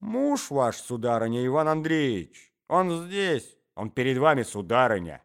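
A man's voice: medium pitch, sing-song, measured pace, clear, resonant tone. A man voicing a young lover who presses the lady with accusing, insistent questions. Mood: reproachful.

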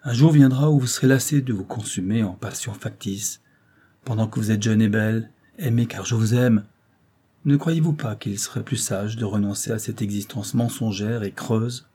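A steady, earnest young man in love, as a male reader plays him, speaking gravely and calmly. The tone is low, warm and slightly husky, in a storybook reading. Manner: grave, calm, measured. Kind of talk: audiobook character reading.

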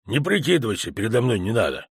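A man's voice: fairly low pitch, big pitch swings, fast talker, breathy edge, dry recording, pitched below the performer's own voice, full character voice. A man voicing a blunt male dwarf soldier who talks in a dry, knowing way in an audiobook.

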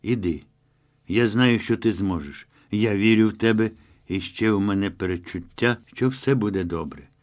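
A man's voice: on the low side, normal speed, lightly acted. A man reading the lines of an anxious young woman pleading with her beloved over the phone in an audiobook. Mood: tender. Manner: pleading, emotional.

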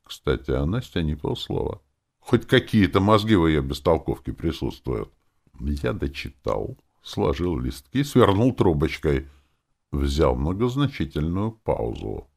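A man's voice: a bass voice, very animated, a little slow, creaky. A man reading a first-person audiobook in a wry, sardonic manner. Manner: wry and sardonic, sharp character shifts. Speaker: audiobook narrator.

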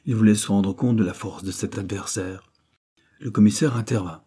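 A man narrating an audiobook in a steady, even reading voice. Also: lowish voice, normal speed, husky. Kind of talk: audiobook reading of a classic novel.

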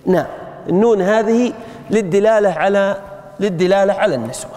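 A high-pitched man teaches grammar to a roomful of students. He often stops to put questions to them. His voice rings out with a long reverb, as in a large lecture hall. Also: brisk, a little mellow. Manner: asks the class rhetorical questions, frequent "ha" prompts.

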